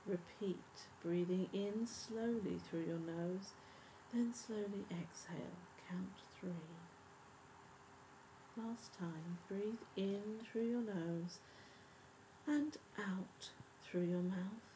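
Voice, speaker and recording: A woman leading a guided breathing meditation in a soft, soothing, measured spa voice that often trails toward a whisper. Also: mid-range voice, rough recording. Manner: measured, instructive. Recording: faint background noise and ambience.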